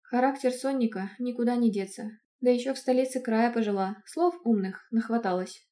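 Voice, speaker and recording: A woman narrating a first-person fantasy audiobook in a lively, expressive way. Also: fairly high pitch, fairly quick.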